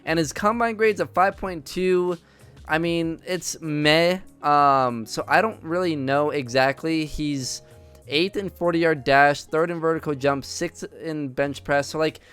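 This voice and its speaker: A man's voice: a little high, a little slow, a bit bright, clear, resonant tone, faint music behind. A man giving casual gameplay commentary, thinking aloud with many ums and uhs. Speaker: video game commentator.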